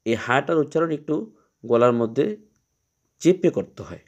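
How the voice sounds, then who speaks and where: A man teaching Quran reading, explaining each letter patiently and repeating its sound slowly three times. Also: mid-range voice, lively intonation, darkish tone. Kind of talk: step-by-step letter lesson.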